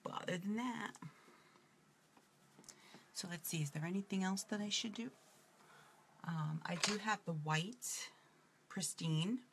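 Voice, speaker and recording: A woman's voice: medium pitch, unhurried, creaky, pauses often, background noise. A woman with a New York accent, chatting casually and rambling as she demonstrates her makeup. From Brooklyn, New York. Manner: chatty, rambling, drifting off topic. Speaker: makeup tutorial presenter.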